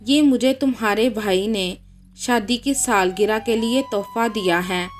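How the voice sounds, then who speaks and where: A woman voicing a rude, sharp-tongued young wife in a read-aloud story, speaking curtly and mockingly. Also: medium pitch, unhurried, soft background music, lightly acted. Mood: snappish. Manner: curt and mocking.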